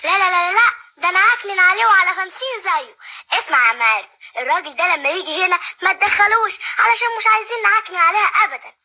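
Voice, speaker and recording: An actress playing a cheeky, caring young maid in an old Egyptian film, talking with an Egyptian accent in a quick, teasing way. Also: female voice, very high-pitched, lively intonation, pushed and bright, heavily acted. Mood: playful.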